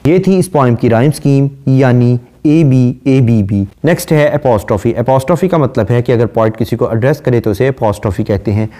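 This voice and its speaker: A male lecturer with a mellow, dark voice. He draws out each line of English verse slowly before explaining it. Then he rattles off lists of rhyme words in quick runs. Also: medium pitch. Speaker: literature lecturer.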